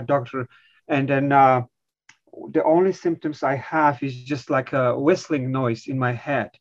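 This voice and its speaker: A man asking a doctor a question, halting and full of fillers. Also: medium pitch. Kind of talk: grateful audience question. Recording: slightly dull audio line.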